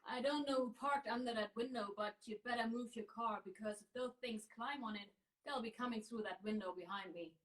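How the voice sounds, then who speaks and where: A woman's voice: a little high, fairly quick, far from the mic, lightly acted, low-quality recording. A woman voicing a battered man who gives a dry, matter-of-fact warning. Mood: wry. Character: battered, wry man just crashed in.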